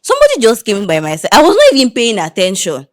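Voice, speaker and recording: A young Nigerian woman co-hosting a podcast, telling personal stories in an animated way and slipping into pidgin. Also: fairly high pitch, quick pace. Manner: animated storytelling, mixes in pidgin. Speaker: podcast co-host. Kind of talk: casual chat.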